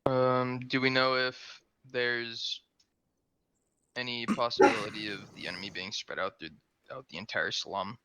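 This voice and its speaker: A man's voice: mid-range voice, fairly even intonation, a little slow, sharp tone, poor audio. A man speaking as a team member in a military game briefing, asking questions in casual tactical talk.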